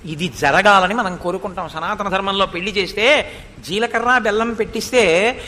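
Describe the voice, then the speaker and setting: A man's voice: high-pitched, moderate pace, sharp tone, in a large hall. A man giving a devotional scripture discourse, expounding with rhetorical questions and reciting Sanskrit verses. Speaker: spiritual discourse speaker.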